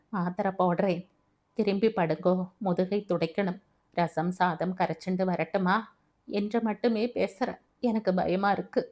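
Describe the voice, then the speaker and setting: A woman's voice: mid-range voice, darkish tone, natural voice. A woman voicing a dying, remorseful old husband. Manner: halting, grieving inner monologue. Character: bedridden dying elderly husband, remorseful and pleading.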